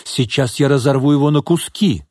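A man voicing a feisty old woman servant who talks loudly and bluntly, scolding. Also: mid-range voice, expressive, measured pace, husky, dry recording, studio quality. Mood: fierce gleeful.

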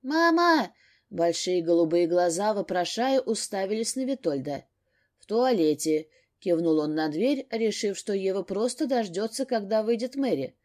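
A woman narrating a novel in a steady storytelling manner. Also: mid-range voice, moderate pace, hardly any pauses. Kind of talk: audiobook narration.

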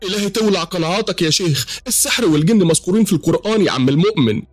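A man voicing a panicked, shrill middle-aged mother, speaking with an Egyptian accent. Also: expressive, rapid-fire, husky, dry recording, soft background music. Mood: bitter scolding. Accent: Egyptian Arabic.

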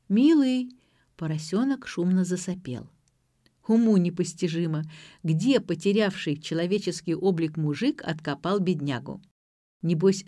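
Woman narrating an audiobook, low and dry. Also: dark tone, no room sound. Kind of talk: first-person audiobook narration.

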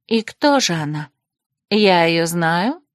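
A woman's voice: lowish voice, lively intonation, slow, no echo, clean studio sound. A woman voicing a haughty, catty young aristocrat. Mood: drawling. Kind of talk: audiobook character voicing.

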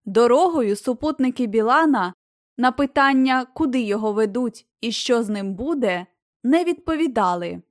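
A woman narrating a fairy-tale audiobook in an even, expressive reading. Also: a little high, moderate pace, no room sound, clean studio sound. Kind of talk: scripted storybook narration.

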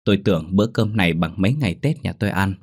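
A young man calmly narrating a first-person ghost story. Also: low-pitched, quick pace, slightly rough.

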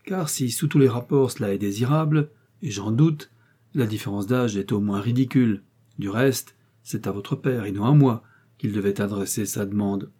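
A proud young baronet who bristles easily, read by a man. His stiff, indignant words come in a mellow, husky voice. He sounds like a figure from a period storybook. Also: lowish voice, moderate pace. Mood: irritated.

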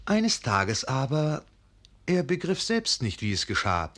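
An actor as the wry literary narrator of a radio play, telling it vividly with measured emphasis. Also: male voice, mid-range voice, huge pitch swings, fairly bright tone. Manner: measured emphasis, addresses the listener. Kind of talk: dramatic storybook narration.

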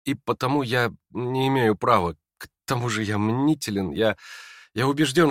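A man's voice: medium pitch, no room sound, natural voice. Man doing a humble young prince, hesitant, apologetic, storybook reading, dry close sound. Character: meek earnest young prince, timid and humble.

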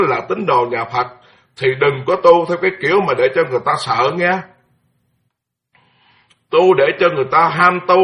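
A man, a Buddhist monk giving a sermon as a lively personal story, full of exclamations. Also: a little high. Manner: animated, exclaiming, mimics chanting for effect. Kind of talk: sermon told as personal anecdote.

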